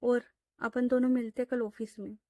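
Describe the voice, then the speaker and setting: A woman's voice: fairly high pitch, flat delivery, moderate pace, warm tone, no room sound, clean studio sound, lightly acted. A woman voicing a playful young woman who teases her friends in breezy, casual slang.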